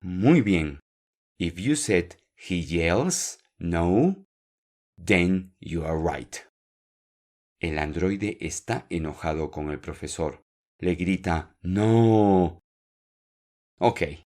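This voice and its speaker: A man teaching a podcast Spanish lesson, speaking slowly and clearly, repeating words for learners and encouraging them. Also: low-pitched, expressive, a little mellow.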